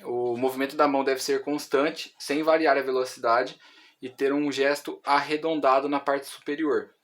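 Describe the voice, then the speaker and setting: A man's voice: medium pitch, fairly even intonation, normal speed. A man with a Brazilian Portuguese accent, explaining music theory in an online lesson, with many fillers and restarts.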